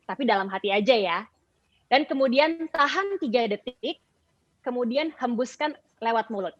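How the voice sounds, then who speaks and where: A woman's voice: on the high side, lively intonation, normal speed, no echo. Brief: female speaking coach, upbeat and explanatory, dull dry recording. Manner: upbeat, explanatory, with frequent "eh" and "em" fillers. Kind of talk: instructional talk to teens.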